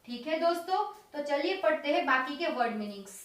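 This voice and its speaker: A woman's voice: high voice, animated, a bit bright. Woman teacher, children's vocabulary lesson, very echoey room, distant mic. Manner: slow, repetitive word-by-word explaining.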